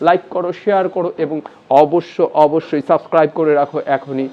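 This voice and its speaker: A man teaching a spoken English lesson, slowly contrasting wrong and right pronunciations. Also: fairly high pitch, steady tone, muffled recording.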